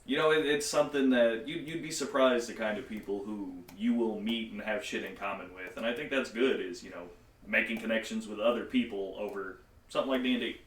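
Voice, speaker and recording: A man in casual group chat, reflective and halting, swearing casually. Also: on the low side, distant mic. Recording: roomy, off-mic.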